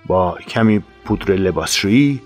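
A man reading a first-person war memoir aloud, grave and steady with dramatic emphasis. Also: sits low, soft background music. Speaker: memoir narrator.

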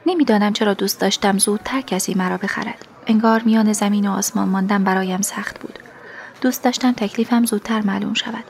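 A woman reading a first-person story aloud as an audiobook, in a soft delivery that often drops to a half-whisper. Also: mid-range voice, fairly even intonation, creaky. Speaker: audiobook narrator.

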